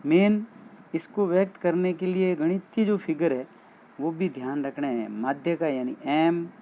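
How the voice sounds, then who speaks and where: A male maths teacher giving a classroom lesson, talking straight to his students and explaining each step. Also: fairly high pitch. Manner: addresses students directly, slow and explanatory. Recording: dull lo-fi sound with faint background noise.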